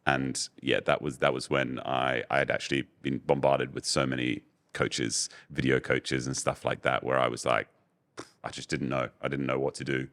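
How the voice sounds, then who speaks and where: A young adult man with a very deep voice, telling candid stories in a casual podcast interview as a guest. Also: moderate pace. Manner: relaxed, candid storytelling with many fillers. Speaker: guest, voice-over artist and agency owner.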